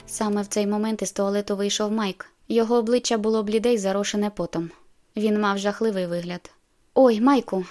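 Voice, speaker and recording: A woman narrating a novel in the first person, in a measured, intimate storytelling manner. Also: medium pitch, little pitch movement, a little mellow. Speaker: audiobook narrator.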